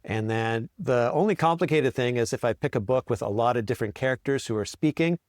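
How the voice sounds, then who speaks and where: A man's voice: medium pitch, darkish tone, no echo, clean studio sound. Friendly male school librarian. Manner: friendly, pauses with ums and repeated words. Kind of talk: interview answers.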